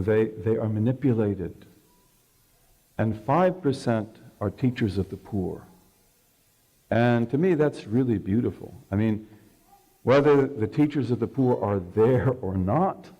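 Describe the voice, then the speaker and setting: A man's voice: fairly low pitch, mellow. A man giving a religious lecture, telling stories and checking in with the audience with a conversational "okay". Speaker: Islamic scholar lecturing.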